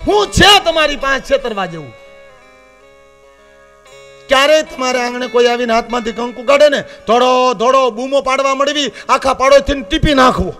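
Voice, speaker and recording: A man in his fifties from Gujarat with a Saurashtra accent, preaching a devotional sermon, swinging between loud warnings and low confiding asides. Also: moderate pace, soft background music. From Gujarat, India. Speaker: Shiva katha preacher. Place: open-air katha gathering with live accompaniment.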